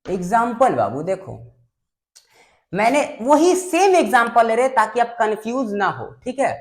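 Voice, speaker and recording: A woman's voice: on the high side, sing-song, unhurried. A woman teaching English grammar in a classroom lesson, patiently repeating and drilling sentence patterns. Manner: patient, addresses students as "babu".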